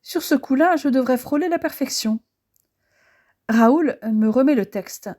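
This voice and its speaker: A woman narrating a first-person historical novel as an audiobook, in a calm, even storytelling manner. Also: high-pitched, unhurried.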